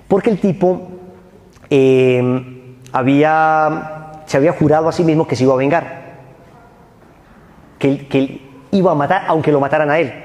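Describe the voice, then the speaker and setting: A man with a Colombian Spanish accent preaching a sermon, telling a story and acting out voices. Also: a little high. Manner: animated storytelling, acts out voices. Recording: echoey hall with faint ambience.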